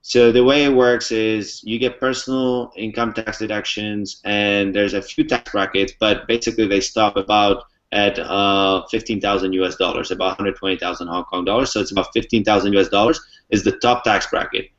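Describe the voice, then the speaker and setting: Heard through a muffled lo-fi recording, this young adult guest from the Czech Republic has a lowish, flat, slightly bright voice and a moderate pace with few pauses. In a casual interview he explains matters fluently step by step, filling gaps with many "um"s.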